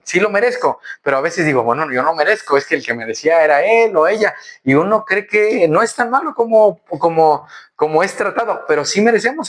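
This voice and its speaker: A man's voice: on the high side, fairly bright tone. A man. He addresses his listeners as brothers and keeps asking them questions. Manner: addresses congregation as brothers, asks rhetorical questions. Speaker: preacher. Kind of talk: sermon.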